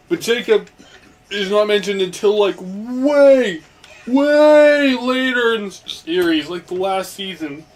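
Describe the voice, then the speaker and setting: Male gamer with a high voice, slow pace, casual commentary and chat. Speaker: let's play commentator. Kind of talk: casual chat and dubbing over a game.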